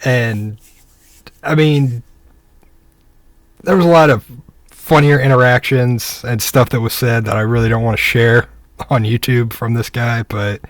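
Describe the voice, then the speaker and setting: A man's voice: mid-range voice, no echo. A young man, a police officer, casually telling a story and acting out the dialogue in a laid-back, conversational way.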